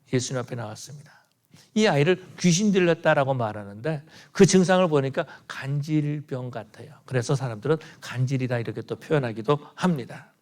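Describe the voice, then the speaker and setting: A man preaching a sermon, retelling stories with quoted speech, swelling loud then falling to a near whisper. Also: a little high. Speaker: pastor.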